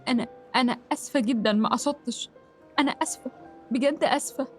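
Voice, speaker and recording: A woman's voice: high voice, quick pace, faint music behind, close to an everyday voice. A woman playing Talia, a flustered Egyptian student. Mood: flustered apologetic. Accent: Egyptian Arabic. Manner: stammering, flustered. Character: nervous, apologetic young female student, easily frightened. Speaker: young university student. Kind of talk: radio drama acting.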